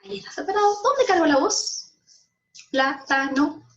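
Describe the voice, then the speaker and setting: A woman teacher with a Chilean Spanish accent explaining a school lesson to children, slowly stressing syllables and often checking in with them. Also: fairly high pitch, lively intonation, recorded from a distance. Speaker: primary school language teacher. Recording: muffled sound, voice a bit off-mic.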